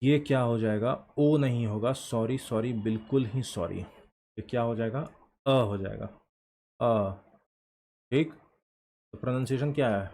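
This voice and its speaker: A man teaching a shorthand lesson in a classroom style, asking questions and answering them himself, repeating words slowly for emphasis. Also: mid-range voice, warm tone, a little hiss or hum.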